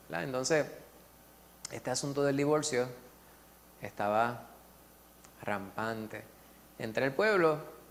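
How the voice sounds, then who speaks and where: A man with a Puerto Rican accent leads a church Bible study, sharing personal stories in a chatty way and filling pauses with tag questions. His voice is mid-range, and the recording has a big-room sound with slight background noise.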